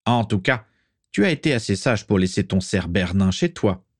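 A man's voice: fairly low pitch, expressive, moderate pace, no echo, studio quality. A man reading aloud and voicing a stern, proud old aristocratic wizard who speaks in curt, cold sentences, in an audiobook-style story reading. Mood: haughty, cold. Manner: curt, haughty.

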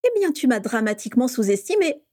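A woman acting out a teenage boy wizard, pushed well above her own voice and bursting with theatrical swagger. The delivery is showy and triumphant, with a mellow tone. The recording is dry and close. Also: mid-range voice, fairly even intonation, measured pace, dry recording, close to an everyday voice. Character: exuberant teenage boy wizard, cocky prankster.

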